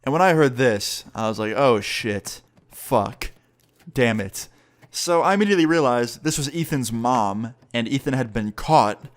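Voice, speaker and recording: A young man recounting a personal story in a loose, conversational way. He swears freely and plays out both sides of each exchange, at an ordinary pitch for a man. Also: expressive, a little slow. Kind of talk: casual storytime narration.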